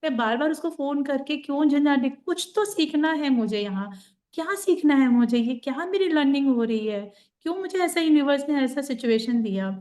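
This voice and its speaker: A woman's voice: high voice, expressive, moderate pace, dark tone. A woman on a group video call telling a personal story in a reflective, conversational way. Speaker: group participant sharing a story. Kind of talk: casual chat on a group call.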